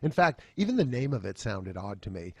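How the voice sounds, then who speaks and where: Male seminar lecturer, low voice, dry close sound, deadpan jokes between slides. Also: fairly quick, husky, dry recording. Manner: dry joking asides. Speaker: continuing education lecturer.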